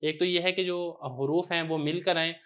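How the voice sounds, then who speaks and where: A man teaching Quran reading step by step, explaining patiently and drawing out syllables slowly as he recites. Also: fairly high pitch, fairly even intonation, fairly bright tone. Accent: Pakistani Urdu.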